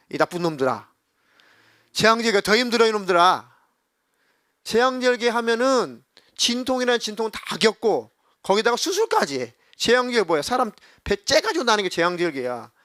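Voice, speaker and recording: A man's voice: sits high, no room sound, studio quality. A middle-aged male pastor giving a youth sermon, telling a story and acting out the people in it, playfully scolding his listeners. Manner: animated, acts out quoted voices, scolds listeners playfully.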